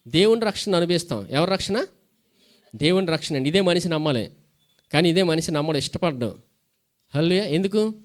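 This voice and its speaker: A pastor preaching a sermon. He asks questions and answers them himself, and reads scripture aloud between plain explanations. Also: high voice.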